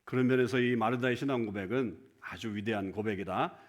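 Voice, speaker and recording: A man's voice: medium pitch, brisk. A male pastor giving a conversational sermon in church, often putting questions to the congregation. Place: church sanctuary.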